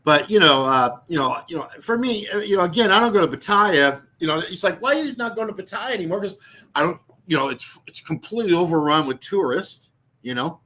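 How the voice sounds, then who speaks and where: An animated, high voice, a little fast, pushed and bright, comes from a man in his sixties hosting a YouTube channel. His casual talk wanders, with lots of fillers and restarts, and he mocks while laughing at his own jokes.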